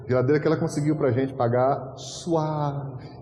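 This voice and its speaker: A pastor preaching a storytelling sermon, animated and acting out dialogue with frequent laughter. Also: male voice, mid-range voice, slow, noisy background. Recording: echoey hall with long reverb.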